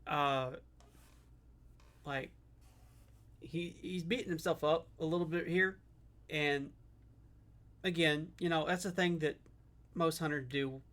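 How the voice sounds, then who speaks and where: A man's voice: a little high, steady tone, slow, long pauses, fairly bright tone. A man giving casual reaction commentary as a streamer.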